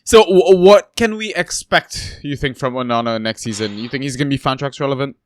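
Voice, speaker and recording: Chatty podcast host, dry close mic. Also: male voice, medium pitch, fairly quick, no echo. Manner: chatty, hesitant, lots of ums and restarts. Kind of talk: casual podcast chat.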